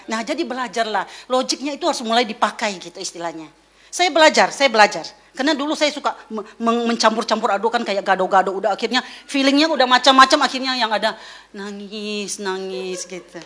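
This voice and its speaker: A middle-aged woman giving a lively church teaching, acting out quoted voices as she speaks. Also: a little high. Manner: lively, acts out quoted voices, mixes in English words.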